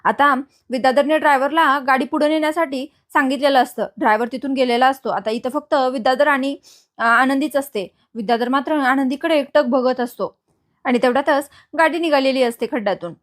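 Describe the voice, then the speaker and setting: Woman, high voice, casual storytelling recap, steady retelling. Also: a little fast. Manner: steady retelling, small restarts. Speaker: serial recap narrator.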